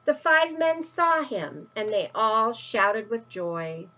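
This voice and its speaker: A woman reads a children's story aloud in a fairly high voice. She takes her time, stressing words expressively as if to young listeners. The recording is slightly dull and lo-fi. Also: very animated, takes it slowly, sharp tone. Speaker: storyteller reading a picture book to children.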